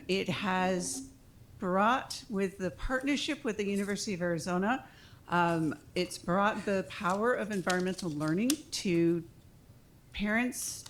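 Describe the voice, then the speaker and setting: A woman's voice: lowish voice, slight background noise. A woman speaking off the cuff at a public meeting microphone, hesitant, with many ums and restarts.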